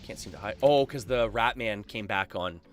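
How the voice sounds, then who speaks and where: A man's voice: fairly low pitch, moderate pace, faint music behind. A Canadian man chatting casually on his live game stream through a headset, full of fillers and laughs.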